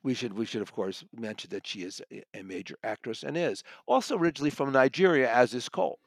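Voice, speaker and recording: This man, an audiobook reviewer who also writes for a magazine, talks fast in a conversational, thoughtful, emphatic manner, frequently correcting himself mid-thought. The mid-range voice comes through a dry, studio-quality recording.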